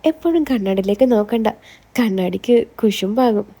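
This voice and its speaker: A woman's voice: mid-range voice, normal speed, breathy edge. Woman reading as a joking, charming young man. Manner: light joking, gently flattering. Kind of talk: scripted story reading.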